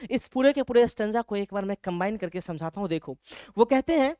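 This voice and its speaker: A man teaching a lecture in a lively way, checking often that students follow and reading verse lines slowly. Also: high-pitched, no room sound, clean studio sound. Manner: lively, keeps asking if things are clear; reads English verse slowly. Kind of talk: classroom-style lecture.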